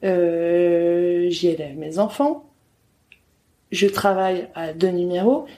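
A woman who runs a neighbourhood bookshop, chatting as a podcast guest in a lively, joking way with many fillers and restarts. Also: fairly low pitch, slow. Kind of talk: casual podcast chat. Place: her neighbourhood bookshop in Paris.

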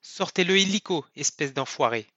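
A man's voice: on the high side, expressive, moderate pace, sharp tone, dry recording, lo-fi sound. A man doing a bellowing, foul-mouthed sea captain. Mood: enraged. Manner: bellowing, cursing.

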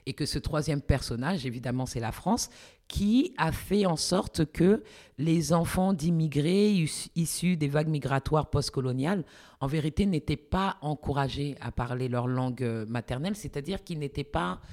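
A man with a slightly raised voice speaks thoughtfully, pausing and restarting as he works out what he means. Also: on the high side, a little mellow. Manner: reflective, searching for words. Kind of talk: personal testimony.

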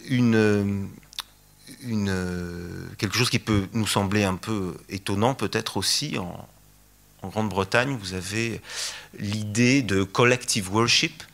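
A man's voice: fairly low pitch, fairly bright tone. A man giving a lecture talk, hesitant, with many fillers and restarts. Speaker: conference speaker.

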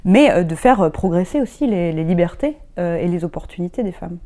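A middle-aged woman raised in Germany speaks as a guest in a casual interview, hesitant, often restarting and using fillers. Her voice is warm, expressive, on the low side, and fairly quick.

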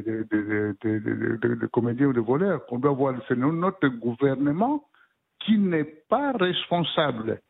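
A man leaving an answering machine message for a radio show, talking haltingly and repeating words as he searches for them. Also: medium pitch, gravelly. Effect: voicemail message played on air. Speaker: radio listener caller. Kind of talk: spoken opinion message. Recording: tinny phone-line voicemail.

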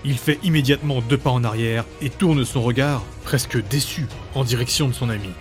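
Man narrating a dramatic fantasy tale. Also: mid-range voice. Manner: measured, dramatic storytelling. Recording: background music.

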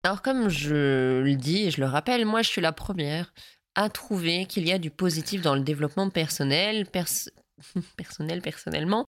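A woman's voice: low voice, moderate pace, dry recording. A woman hosting a podcast, sarcastic and a little tired, commenting casually and reading aloud while translating. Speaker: podcast host.

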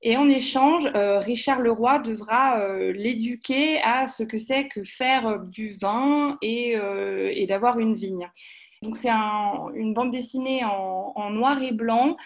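A woman's voice: fairly high pitch, takes it slowly. A woman giving a casual book review, often stopping to rephrase herself. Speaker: podcast contributor.

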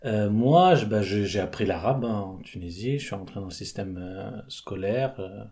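In a casual interview chat, a young French man, a theatre performer appearing as a guest, speaks hesitantly with frequent fillers and restarts. His voice is mellow and fairly low, at a moderate pace.

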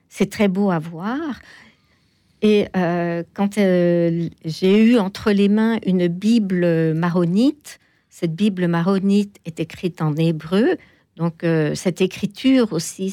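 A woman guest explaining things in an interview, hesitant, with many pauses and fillers. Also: fairly low pitch, dark tone, no room sound, studio quality. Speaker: toponymy expert guest. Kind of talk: interview answers.

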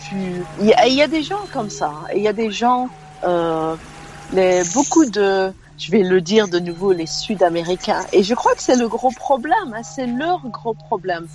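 Calling a radio show by phone, a woman in her fifties from Belgium gives her views bluntly in a call-in chat, frequently starting her sentences over. Her voice is medium in pitch with a darkish tone.

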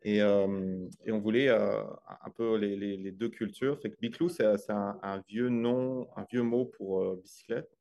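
A middle-aged man from France with a French accent, a guest explaining things in a relaxed way with many fillers. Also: lowish voice, a little slow, vocal fry, hardly any pauses, dull audio. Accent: French, softened by years in Quebec. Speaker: guest, engineer. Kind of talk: casual interview chat.

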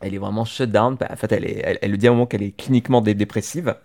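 A man's voice: fairly low pitch, steady tone, rapid-fire, a little mellow. A man chatting casually as a podcast co-host, telling a long story with many restarts and hesitations. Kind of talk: casual chat about a TV series.

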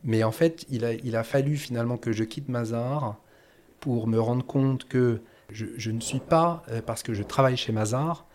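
A man's voice: mid-range voice, moderate pace, darkish tone. A man speaking as a podcast guest in a casual interview, hesitant, with many fillers and restarts.

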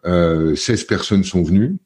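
A deep-voiced middle-aged man from France talks as a podcast guest, in a husky, mellow tone. He speaks in a casual, halting way, full of fillers and restarts as he tells his story. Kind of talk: casual interview chat.

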